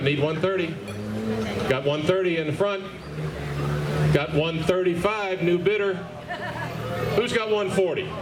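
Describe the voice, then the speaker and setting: A man working as an auctioneer at a live event, calling out bids in repeated numbers and tossing joking asides to the bidders. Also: a little high. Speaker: auctioneer at charity art and orchid auction. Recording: noisy crowded venue, loud background chatter.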